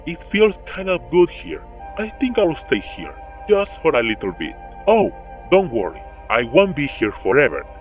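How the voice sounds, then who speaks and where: A video narrator quoting a calm, mocking male fallen angel lord through a voice changer that pitches the voice deep, in a slow, musing delivery. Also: faint music behind, rough recording. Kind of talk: quoting game dialogue.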